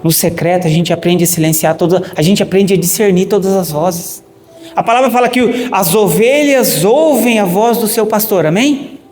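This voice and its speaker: A man's voice: high voice, moderate pace, darkish tone. A man with a Brazilian accent, a pastor preaching a sermon emphatically and asking the congregation questions. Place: church hall. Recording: echoey church hall with long reverb and faint noise.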